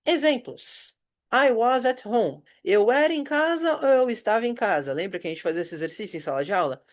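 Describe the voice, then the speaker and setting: A Brazilian man who teaches English, giving a patient recorded review lesson. He reads example sentences slowly and checks in with short questions. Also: high-pitched. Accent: Brazilian Portuguese.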